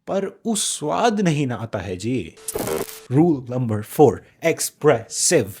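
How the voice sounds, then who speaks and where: भारतीय लहजे वाला एक आदमी, जो हिंदी-अंग्रेज़ी मिलाकर बेबाक, गालियों से भरे अंदाज़ में कैमरे से बात करता है, धीमी और भारी-सी आवाज़ में।. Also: male voice, mid-range voice, darkish tone, slightly rough. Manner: blunt, profane, mixes Hindi and English. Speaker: self-help video host. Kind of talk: casual motivational talk to camera.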